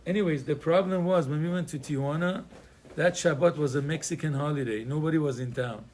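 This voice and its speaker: Male rabbi from Iran, informal class delivery, digressive and wry, slightly raised pitch. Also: brisk, a little mellow, slight background noise. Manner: conversational, digressive, joking asides, frequent fillers. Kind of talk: informal Torah class to a live audience.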